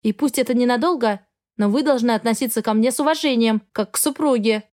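A woman's voice: on the high side, brisk, darkish tone, lightly acted. A woman voicing a defiant young bride forced into marriage, stubborn and protesting.

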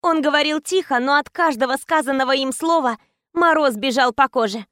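A woman's voice: high-pitched, brisk, a bit bright, dry recording, clean studio sound. A woman narrating a tense first-person story as an audiobook reader.

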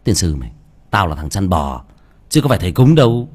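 A man's voice: sits low, very animated, fairly quick, a little mellow, breathy edge, voice pushed down, exaggerated voice. A man voicing a blunt, crude-talking young village cowherd. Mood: indignant.

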